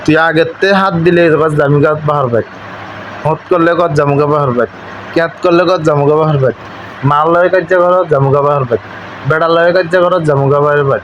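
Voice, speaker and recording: In a fairly quick, fairly even voice on the high side, a young man uses an eastern Bengali regional dialect to lecture his wife over the phone. The informal domestic argument shows him insistent, domineering and repetitive. The call audio is muffled, with faint noise.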